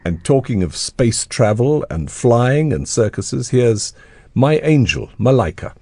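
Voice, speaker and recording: A man hosting a radio interview, asking his guests questions in a relaxed, conversational way. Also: medium pitch, a little slow, slightly rough. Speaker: radio show host.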